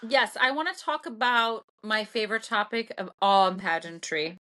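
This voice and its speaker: A woman co-hosting a casual podcast, chatting loosely with plenty of fillers. When something gets her going, her voice jumps way up in pitch. Her voice sits at a middling pitch. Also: normal speed. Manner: animated, voice jumps high when indignant, many fillers. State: still tearful from laughing. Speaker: podcast co-host. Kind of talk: casual chat.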